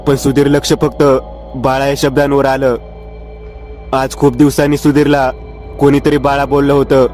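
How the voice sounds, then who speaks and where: A male storyteller reading a horror tale in a steady, measured way. His delivery is notably flat, with a middle pitch, and faint music plays beneath him. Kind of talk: scripted horror story narration.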